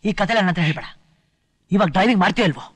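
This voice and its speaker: An actor playing a hot-tempered young husband who is curt and commanding, later remorseful. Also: male voice, sits high, very fast, fairly bright tone. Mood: harsh. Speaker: film character. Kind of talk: melodramatic film acting. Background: film score music.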